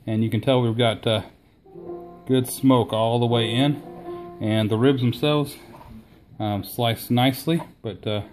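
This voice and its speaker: A man talking casually to the camera about his cooking at home outdoors, relaxed and enthusiastic, with frequent fillers. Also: medium pitch, measured pace, long pauses, soft background music. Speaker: home cook reviewing his new smoker.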